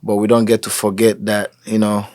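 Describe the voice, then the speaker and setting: A young Nigerian musician with a Nigerian accent chats casually as an interview guest, relaxed, slipping into Pidgin and saying "you know" a lot. His voice is fairly low and a little fast, recorded in studio quality with no echo.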